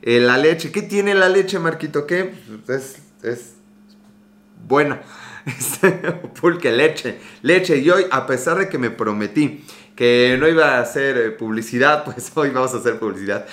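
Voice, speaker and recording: A man's voice: mid-range voice, animated, measured pace, a bit bright. A man with a Mexican accent hosting a casual livestream, chatty and joking, with a slightly sore throat. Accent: Mexican Spanish. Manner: chatty, greets viewers by name, jokes and digresses. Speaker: livestream host. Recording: echoey room.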